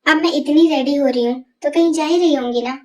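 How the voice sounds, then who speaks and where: A woman's voice: high-pitched, brisk, lightly acted. A woman voicing a cheerful, friendly young college woman. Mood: breezy. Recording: distant voice over loud music.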